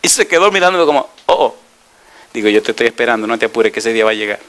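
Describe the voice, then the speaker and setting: A male pastor delivering an animated storytelling sermon, asking the congregation rhetorical questions. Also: mid-range voice, racing.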